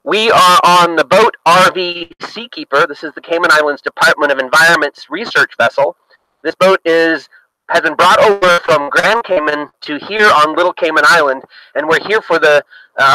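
A man's voice: a little high, bright, forceful tone, dry recording, low-quality recording. A marine researcher speaking on a boat deck through a microphone inside his dive mask, explaining plainly to young viewers on a live educational broadcast.

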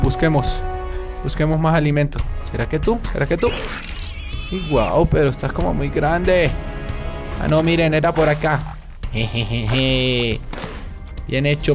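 An excitable male gaming host in a playful let's-play, talking to the little creatures on screen as if he were the monster hunting them. His voice sits somewhat high. Game music plays clearly underneath.

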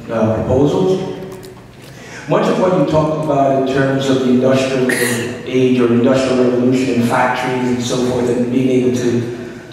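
A man's voice: medium pitch, a little mellow, a little hiss or hum. A man in the audience politely asking a long, rambling question on a handheld microphone in a large meeting room. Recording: echoey hall from far off.

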